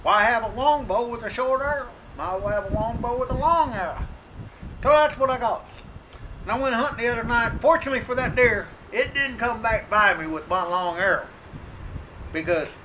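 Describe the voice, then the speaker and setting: Middle-aged man, high-pitched rural drawl, deadpan comic monologue, outdoor mic with wind noise. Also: normal speed, rough recording. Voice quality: slightly hoarse. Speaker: comedic hunting show host.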